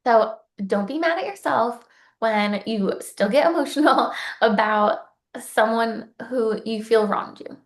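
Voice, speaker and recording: A young woman with a somewhat high voice talks through forgiveness in a sincere, personal way. She opens up about her own life and lets her feelings show. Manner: earnest, open, gets emotional at times. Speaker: guest speaker on forgiveness. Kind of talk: personal talk.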